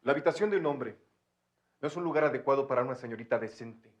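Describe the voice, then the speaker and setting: An actor playing a stern, proper young gentleman in a 1990s Mexican telenovela, reproachful, with a Mexican Spanish accent. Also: medium pitch, lightly acted. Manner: reproachful, brisk.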